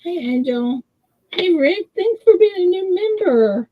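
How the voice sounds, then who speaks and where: A woman co-hosting a casual video-call chat, her voice muffled as if heard through a wall, slow and rambling. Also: extremely high pitch, expressive. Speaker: livestream co-host. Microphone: computer mic on a video call.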